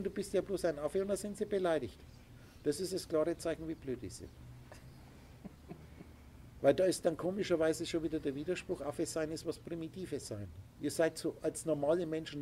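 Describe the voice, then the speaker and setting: A mellow, rather high male voice lectures a small group he guides spiritually. He presses his points emphatically and insistently, adds sound effects, and faint noise can be heard behind him.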